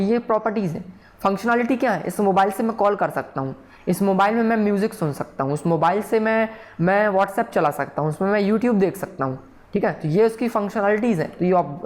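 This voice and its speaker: A man teaching a programming class in a recorded tutorial, explaining patiently and checking in with listeners often. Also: high voice. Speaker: programming instructor. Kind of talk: recorded coding tutorial lecture.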